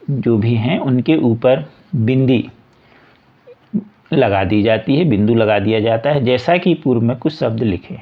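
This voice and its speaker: A man teaching a school workbook lesson, reading a passage aloud and then going through example words one at a time, patiently. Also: medium pitch. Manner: slow, patient, repeats examples word by word. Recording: dull lo-fi recording.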